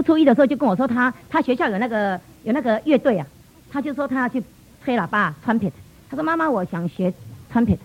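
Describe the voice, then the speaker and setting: Lively Taiwanese woman telling a testimony. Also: sits high. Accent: Taiwanese Mandarin. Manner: lively storytelling, acting out family dialogue. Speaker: church speaker giving testimony. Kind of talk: personal testimony storytelling. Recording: muffled lo-fi recording.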